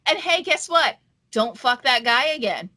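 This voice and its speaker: High, bright, ranting woman co-host. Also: lively intonation, unhurried. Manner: ranting, crude, swears heavily. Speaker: podcast co-host. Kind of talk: casual chat.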